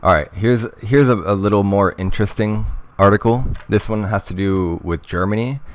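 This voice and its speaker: A man's voice: lowish voice, moderate pace. A man hosting a history news show, casually talking through articles with many fillers and restarts. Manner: rambling, hesitant, lots of fillers and restarts. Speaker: host of a history news channel. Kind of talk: casual commentary reading articles.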